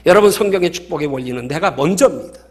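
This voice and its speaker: A man's voice: fairly high pitch, lively intonation, quick pace. A male pastor preaching a sermon, emphatic and full of stories.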